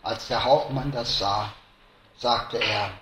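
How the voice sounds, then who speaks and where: Male preacher, sermon, slow delivery, bright tone, echoey room with faint hiss. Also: medium pitch. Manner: slow, emphatic, swinging between loud stresses and hushed drops.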